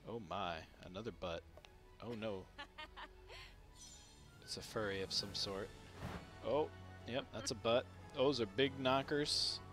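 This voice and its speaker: A man's voice: fairly low pitch, measured pace, pauses often, music in the background. A man giving casual, wry running commentary while streaming a video game, reacting aloud to each result.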